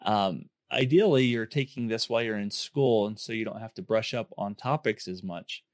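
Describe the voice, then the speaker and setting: A man with a hoarse, under-the-weather voice, hosting a podcast in an informal, upbeat way. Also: fairly low pitch, normal speed, no echo, clean studio sound. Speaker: podcast host. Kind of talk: casual podcast talk to listeners.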